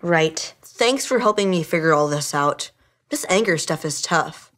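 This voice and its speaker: A man's voice: fairly high pitch, animated, unhurried, a bit bright. A teenage boy speaking scripted kids' show dialogue in an earnest, plain way in an indoor studio set. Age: teens. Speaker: child actor playing a kid character.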